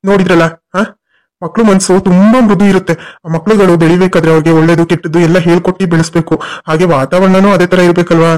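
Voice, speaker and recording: A man's voice: high-pitched, natural voice. A man as a stern family man. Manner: scolding, blunt. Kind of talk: cartoon voice acting.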